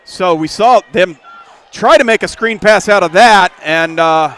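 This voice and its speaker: Folksy man calling high school football. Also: unhurried, clear, resonant tone, a faint crowd. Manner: folksy, relaxed, rises when a play starts. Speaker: play-by-play announcer. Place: press box at a football stadium.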